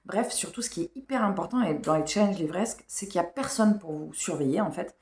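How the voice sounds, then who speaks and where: Woman, book vlogger, casual rambling chat, slightly unclear diction, lowish voice, echoey room. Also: lively intonation, fairly quick, darkish tone. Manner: chatty and rambling.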